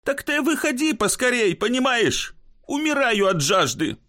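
A man's voice: very high voice, big pitch swings, moderate pace, pushed and bright, pitched above the performer's own voice, exaggerated voice. A man voicing a weary, thirsty companion who whines and complains indignantly. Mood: urging. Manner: whining, complaining.

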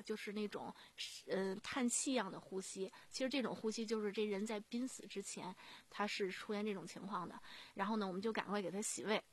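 A woman's voice: medium pitch, no echo. A woman who works as an emergency nurse tells her own stories in a radio interview. She speaks plainly and earnestly, with many fillers and restarts. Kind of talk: personal storytelling in a radio interview.

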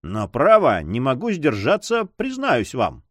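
A man voicing a burly, hot-tempered buccaneer in his forties who talks roughly and impatiently in a storybook reading. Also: mid-range voice, huge pitch swings, measured pace, fairly bright tone, no room sound, heavily acted. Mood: hesitant.

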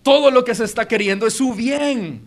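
Brief: emphatic male preacher, high voice, church sermon. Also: moderate pace. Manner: emphatic, addresses congregation directly. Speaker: pastor. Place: church auditorium.

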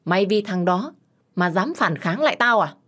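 A woman voicing a drunken, abusive middle-aged father who shouts and curses with contempt. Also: medium pitch, animated, moderate pace, voice pushed up. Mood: furious contempt.

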